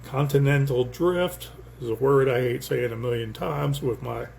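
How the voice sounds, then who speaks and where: A man's voice: medium pitch, moderate pace, vocal fry, a little mellow, slight background noise. An older man, a poet, talking casually and rambling through the lines of his own poem, thinking aloud with frequent fillers and restarts.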